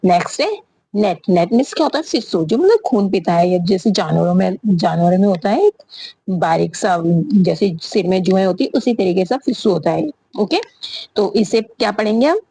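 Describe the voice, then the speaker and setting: A woman teaching a spoken lesson, asking herself questions, answering them, and spelling words out slowly letter by letter. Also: medium pitch, expressive, gravelly, warm tone, husky. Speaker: English teacher.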